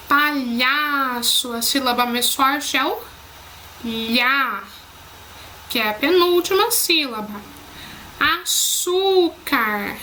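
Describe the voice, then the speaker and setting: A Brazilian woman teacher giving a recorded lesson for children, speaking clearly and spelling words out slowly by syllable. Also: high-pitched, bright, forceful tone, a little hiss or hum, low-quality recording. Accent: Brazilian Portuguese.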